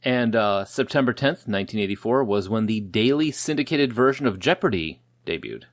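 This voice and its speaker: A man's voice: on the low side, expressive, a little fast, dry recording, clean studio sound. A man co-hosting a podcast, reading out old news items with jokes and loose swearing. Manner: joking, swears casually, stumbles over words. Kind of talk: casual podcast banter.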